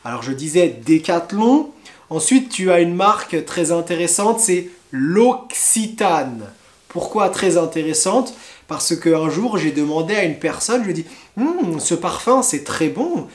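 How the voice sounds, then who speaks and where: A man teaching pronunciation in a language lesson, saying each word slowly and deliberately and repeating it. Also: on the high side, animated, darkish tone, echoey room. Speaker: French teacher.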